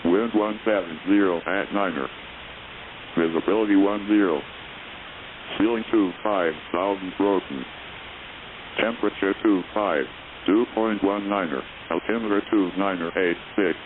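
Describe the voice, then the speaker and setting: A man reading an airport weather broadcast over the radio in a flat, clipped readout of figures. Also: low voice, unhurried. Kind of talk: recorded automated weather bulletin. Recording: hissy tinny aviation radio.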